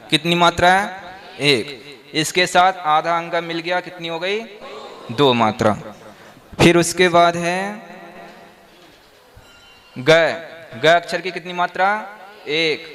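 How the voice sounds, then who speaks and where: Man, monk teacher, slow deliberate delivery, fairly high voice, quizzing a class, patient step-by-step explaining. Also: sharp tone. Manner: quizzes the class with repeated questions. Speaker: Jain monk teaching verse meter.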